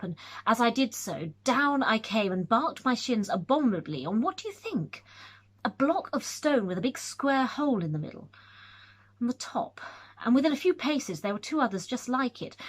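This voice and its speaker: A woman with a fairly high, husky voice reads aloud at a moderate pace, voicing a young male scholar who eagerly tells his tale with nervous stumbles. Her storytelling is lively and excited, punctuated by hesitations.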